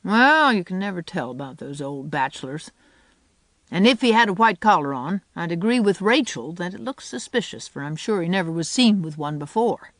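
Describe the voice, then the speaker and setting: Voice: mid-range voice, lively intonation, normal speed, fairly bright tone, dry recording. A reader doing a stern, practical old woman in her sixties. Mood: dry, grumbling. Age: 60s. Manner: dry, grumbling, matter-of-fact. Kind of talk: audiobook character voice.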